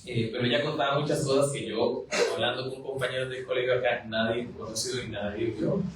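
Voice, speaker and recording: A man's voice: medium pitch, steady tone, fairly quick, a little hiss or hum. A man from southern Costa Rica with a Costa Rican accent, speaking as a panelist with frequent hesitations and repeated words. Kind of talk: panel discussion remarks. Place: historic house, event room. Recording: echoey room from far off.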